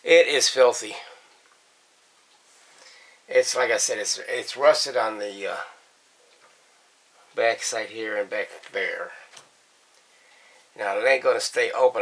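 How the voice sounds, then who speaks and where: Hosting a workshop vlog on restoring vintage radios, this man speaks casually and plainly. His pitch is fairly low and his tone fairly bright, and he moves unhurriedly with long pauses. A faint background noise can be heard.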